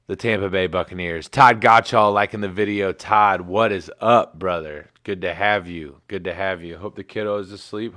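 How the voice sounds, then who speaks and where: A man's voice: low-pitched, fairly bright tone, no echo, studio quality. A man in his thirties hosting a casual livestream sports show, laid-back and rambling with plenty of fillers. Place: home in Michigan.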